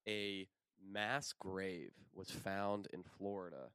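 Smooth, low-voiced young man chatting, swearing freely. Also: slow, no room sound. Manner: profane, slangy, animated storytelling. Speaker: screenwriter. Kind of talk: casual chat among friends.

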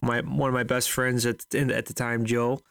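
A man co-hosting a casual sports podcast, an animated storyteller who acts out shouting fans. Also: medium pitch, moderate pace, creaky, no room sound. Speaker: podcast co-host.

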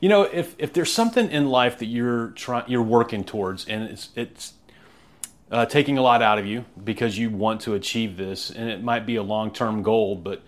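A man co-hosting a podcast who jokes and asks long, thoughtful questions. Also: medium pitch. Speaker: podcast co-host. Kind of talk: casual podcast conversation.

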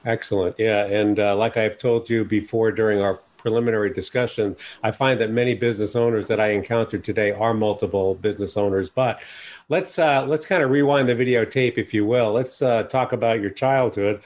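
A man's voice: fairly low pitch, fairly even intonation, a little fast, a little mellow. Formal man hosting a business podcast. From New York. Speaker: podcast host.

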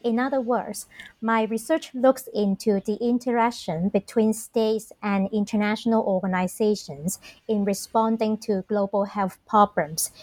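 A woman's voice: mid-range voice, darkish tone, dry recording. Orderly woman academic, dry sound. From Hong Kong. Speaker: political scientist, assistant professor. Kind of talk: academic self-introduction.

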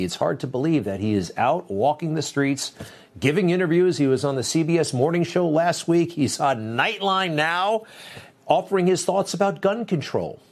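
A man hosting a talk show, giving an opinionated, conversational monologue with wry asides and rhetorical questions. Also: fairly high pitch.

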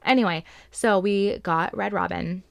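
A woman co-hosting a casual podcast, her voice carrying a gravelly edge. She chats freely and slips into voices when she quotes people in her stories. The sound is dry and close. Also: mid-range voice, measured pace, no echo. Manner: chatty storyteller, acts out quoted voices. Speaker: podcast co-host. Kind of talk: casual chat.

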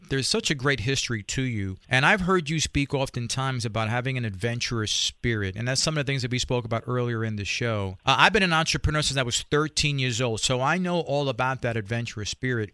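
A man's voice: mid-range voice, sharp tone, no echo, clean studio sound. A man hosting a talk show in an upbeat, motivational manner, speaking directly to his listeners.

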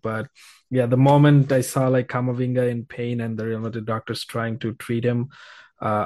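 A man co-hosting a podcast in casual chat, subdued and low-key. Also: a little mellow, no room sound. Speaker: podcast co-host.

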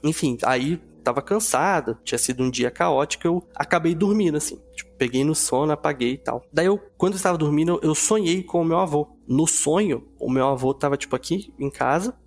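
A man's voice: on the high side, a little fast, hardly any pauses. A man in his twenties, a podcast guest, telling a personal story in a casual, loose way with many fillers.

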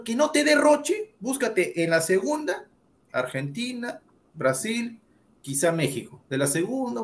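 A man with a Peruvian Spanish accent on a football podcast panel, interrupting with rapid teasing questions. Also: high voice. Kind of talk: heated podcast panel debate.

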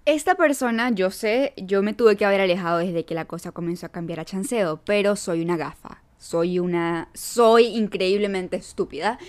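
A young woman telling a storytime to camera in an animated, self-mocking way. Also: medium pitch, moderate pace, few pauses. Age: young adult. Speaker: vlogger.

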